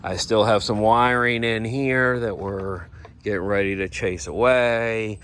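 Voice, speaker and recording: A man giving a casual walkaround of a vehicle he is giving away. He rambles, loses his train of thought and slips into a playful infomercial-style sales pitch. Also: steady tone, a little slow, a bit bright, slight background noise. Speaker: vlogger showing a vehicle giveaway.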